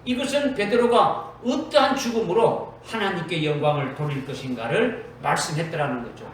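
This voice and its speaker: A man's voice: on the high side, moderate pace. A man preaching a sermon in a church, emphatic and repetitive, often quoting Jesus in direct speech. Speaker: pastor. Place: church sanctuary. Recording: echoey church hall from far off, faint noise.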